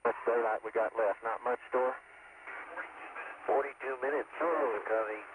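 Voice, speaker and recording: A male astronaut with a mid-pitched voice talks in working radio chatter. The space radio link is clearly noisy. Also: normal speed. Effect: space-to-ground radio.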